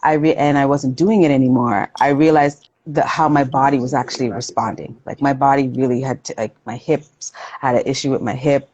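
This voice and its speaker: A woman's voice: rumbling low, a little mellow, slightly rough, highs cut off. A woman in her forties chatting candidly, swearing freely and retelling her own thoughts. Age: 40s. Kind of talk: casual chat.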